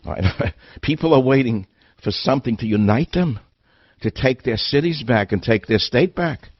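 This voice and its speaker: A man's voice: mid-range voice, animated, normal speed, no echo, dull audio. Indignant older man ranting on talk radio. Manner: indignant, hammering rhetorical questions. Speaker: radio talk show host. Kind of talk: heated talk radio monologue. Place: radio studio.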